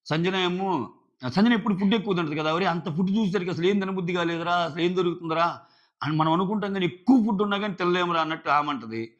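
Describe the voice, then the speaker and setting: A man talking casually while reviewing a show, animated and acting out quotes from the people he discusses. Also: high voice, fast talker, muffled recording. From India. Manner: animated, acts out quotes of others. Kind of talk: casual commentary.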